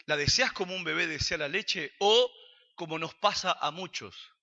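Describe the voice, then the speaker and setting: A man's voice: fairly high pitch, moderate pace, vocal fry, pushed and bright. A man with an Argentine accent preaching a sermon, asking his congregation questions and answering them himself. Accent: Argentine Spanish. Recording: dull recording with long hall reverb.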